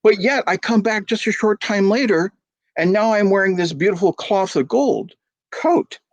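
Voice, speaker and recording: Give me a man playing a wise, sly old mullah, his voice raised high and lilting as he gently teases. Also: expressive, moderate pace, no echo. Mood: calm, wry. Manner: sing-song, playful, high and lifted. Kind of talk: storytelling performance.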